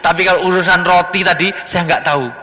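Man putting on a squeaky excitable young fibber, sharp bright tone, big reverberant hall. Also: fast. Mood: evasive. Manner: excited high exclamations, shifty denials. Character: greedy, lying young man of old.

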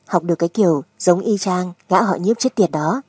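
A woman voicing a surly, sneering gambler husband, husky. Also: lowish voice, moderate pace, darkish tone, no room sound. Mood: bitter mockery. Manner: mocking, crude, menacing.

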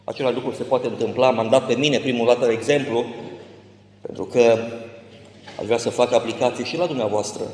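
Impassioned preacher in an echoey hall. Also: male voice, medium pitch, steady tone, a little mellow. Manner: impassioned, emphatic swells. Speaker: pastor. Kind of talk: sermon. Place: church.

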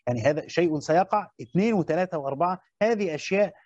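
Fast-talking Egyptian man teaching a lesson. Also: a little high, a little mellow, dry recording, highs cut off. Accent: Egyptian Arabic. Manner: repeats key phrases and checks understanding with questions. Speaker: teacher explaining a Quran commentary. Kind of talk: classroom lesson.

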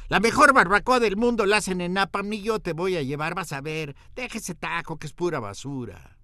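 A man's voice: a little high, lively intonation, a little fast, sharp tone, dry recording, pitched above the performer's own voice. A man putting on a scornful, know-it-all diner. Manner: scolding, mocking.

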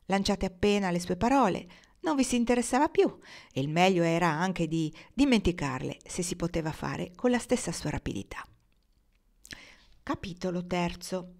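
A woman reading a classic novel aloud in a measured, literary manner. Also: on the low side. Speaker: reader.

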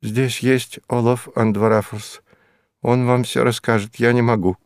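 A man reading an audiobook, voicing a strange foreign man who speaks slowly, flatly and haltingly, without emotion. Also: mid-range voice, dry recording, clean studio sound, natural voice. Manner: slow, flat, halting speech without emotion. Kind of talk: audiobook character voice.

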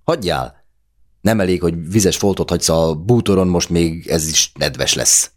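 A man's voice: low voice, pitched above the performer's own voice, natural voice. Man putting on a snapping bitter woman. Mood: bitter, angry. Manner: snapping, accusing, raised voice. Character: bitter, sharp-tongued young woman lover.

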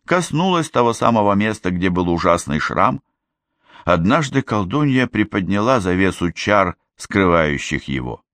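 A man reading an audiobook in steady scripted narration. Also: low voice, normal speed, no echo, clean studio sound.

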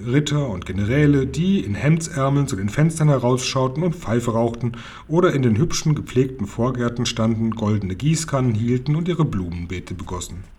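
A man reading a children's novel aloud in a relaxed way, with small slips and his own asides. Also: medium pitch, normal speed, slight background noise. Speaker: reader of a children's book.

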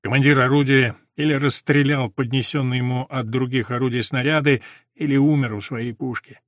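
Male audiobook reader, mid pitch, steady literary narration, dry close sound. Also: fairly quick, no room sound.

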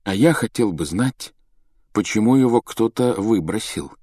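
A man's voice: on the low side, lively intonation, unhurried, a little mellow, husky, no echo, studio quality. A man voicing a thoughtful, curious schoolboy who speaks earnestly and sounds a little puzzled in an audiobook reading.

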